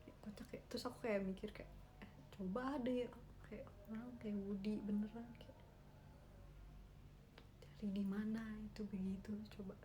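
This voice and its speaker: A woman's voice: medium pitch, normal speed, pauses often, slight background noise. Chatty young woman livestreaming from home. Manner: chatty, emotional, animated storytelling with many fillers. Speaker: idol livestream host. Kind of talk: casual solo livestream chat.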